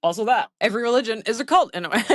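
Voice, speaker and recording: A podcast co-host chatting casually about a book, laughing often and quick to agree. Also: medium pitch, expressive, a bit bright, no echo, studio quality.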